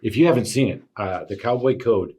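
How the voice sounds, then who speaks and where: A man telling his own workplace stories as a podcast host, animated and full of fillers. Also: lowish voice, a little fast, slightly rough. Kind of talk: casual storytelling chat.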